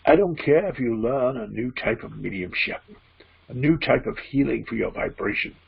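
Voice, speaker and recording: A man voicing a spirit guide as a trance medium at a seance, teaching solemnly and deliberately in a gravelly, husky voice. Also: medium pitch, heavily acted. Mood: solemn, admonishing. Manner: seance medium manner, preachy, deliberate, emphatic repeated phrasing. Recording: dull, muffled lo-fi audio.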